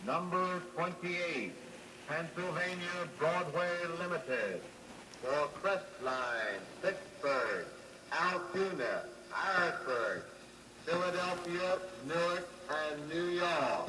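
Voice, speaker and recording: A man's voice: on the high side, lively intonation. Distant man giving a train station announcement. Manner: drawn-out calling, sing-song on the final calls. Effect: old phonograph record played back through a toy station speaker. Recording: distant, roomy, noisy old record playback.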